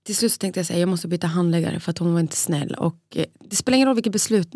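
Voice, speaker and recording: Animated woman telling a story, dry mic. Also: lowish voice, slightly rough, no echo. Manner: animated storytelling, acting out dialogue. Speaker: podcast co-host. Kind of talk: casual chat.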